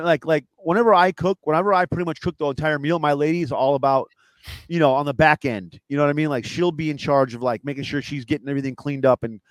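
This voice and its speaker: A man who is a comedian and home cook, a guest in a casual interview, rambling fast with lots of fillers. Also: fairly high pitch, no room sound.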